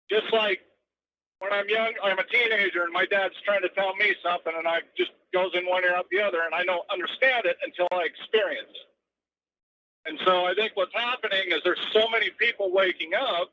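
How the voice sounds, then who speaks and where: A man calling a radio talk show on the phone while driving a truck, rambling earnestly through his points in casual chat. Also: high-pitched. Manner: rambling and earnest, piles up points with many ums. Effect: phone call from a moving truck. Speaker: radio call-in caller. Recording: muffled lo-fi phone line from a moving truck. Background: road and vehicle noise.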